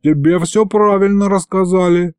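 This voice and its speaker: A man's voice: sits high, steady tone, moderate pace, darkish tone, clear, resonant tone, dry recording, clean studio sound, pitched above the performer's own voice, lightly acted. A man voicing a touchy male demon who runs the city police and talks in thuggish street slang. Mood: puzzled.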